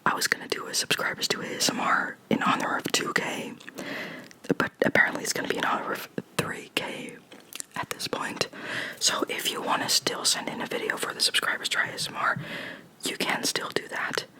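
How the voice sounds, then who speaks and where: This is an ASMR host leaning into a microphone that has a sock stretched over it. The voice stays in a breathy whisper that now and then lifts into soft speech. The talk rambles, giggles and stumbles over its own words. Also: brisk, low-quality recording. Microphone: close microphone covered with a sock.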